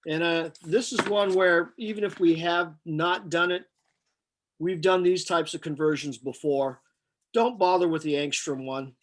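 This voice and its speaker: A man with a somewhat high-pitched voice teaches a class. He works through problems step by step, thinking aloud with halting pauses. His delivery is flat and matter-of-fact. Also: slight background noise. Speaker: chemistry lecturer. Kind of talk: lecture, working problems step by step.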